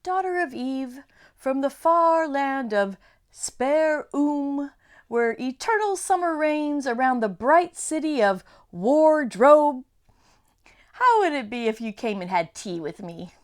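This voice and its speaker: Mr. Tumnus, a woman doing a fussy excitable faun. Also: high-pitched, slow pace, pitched above the performer's own voice. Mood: coaxing. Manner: excitable, courteous, old-fashioned phrasing. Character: polite, fussy, nervous male faun.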